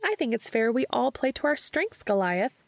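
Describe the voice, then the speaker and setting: A woman's voice: lively intonation, normal speed, no echo, lightly acted. A woman reading aloud and voicing a spunky, tough young woman who teases her friends in a raised, playful voice. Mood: playful teasing. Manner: bright, playful, higher and louder.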